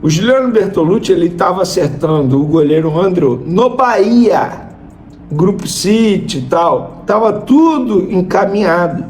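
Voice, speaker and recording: A man's voice: sits high, expressive, a little slow, darkish tone, a little hiss or hum. A Brazilian man giving informal football news and opinion as a host, emphatically repeating points and answering his own questions.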